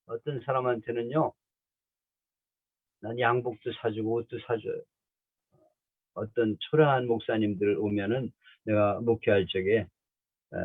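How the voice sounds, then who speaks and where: An older male pastor delivers a sermon full of anecdotes. He talks in a lively, colloquial way at a mid pitch. The recording is thin and narrow-band like a phone line, with no room echo. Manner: animated storytelling, colloquial. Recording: tinny phone-like, dry.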